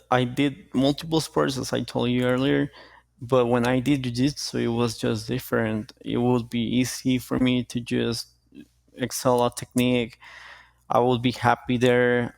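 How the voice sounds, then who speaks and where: Gravelly-voiced young man in a dry interview. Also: medium pitch, no room sound. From Costa Rica. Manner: relaxed, halting, with restarts. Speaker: jiu-jitsu athlete, guest. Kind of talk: casual interview answers.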